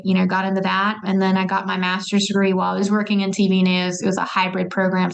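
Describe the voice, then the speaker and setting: A woman's voice: medium pitch, gravelly. A young woman from Alabama, a guest telling stories in a chatty way with many fillers. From Huntsville, Alabama. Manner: chatty storyteller, quick asides, many fillers. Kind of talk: casual interview chat.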